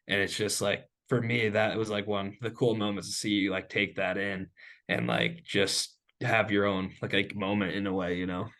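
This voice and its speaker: A young man hosting a casual sports chat with a lowish voice. He rambles along and fills nearly every gap with "like", circling back on his points as he goes. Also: moderate pace, a bit bright. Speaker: host.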